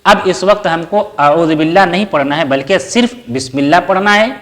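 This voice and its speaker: Man explaining prayer steps slowly. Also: on the high side, a bit bright. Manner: asks the listener questions, then answers them himself; recites short Arabic prayer phrases within the explanation. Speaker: religious teacher. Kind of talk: step-by-step spoken lesson.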